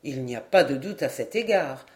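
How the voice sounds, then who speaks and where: A woman reading the part of a calm, methodical Scottish lord in an audiobook. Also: rumbling low, normal speed, voice pushed down.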